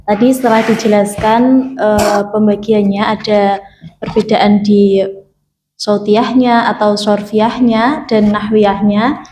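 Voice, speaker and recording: A woman's voice: mid-range voice, steady tone, slow pace, background noise. A woman student politely asking her teacher a question in class. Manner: polite, addresses the teacher respectfully.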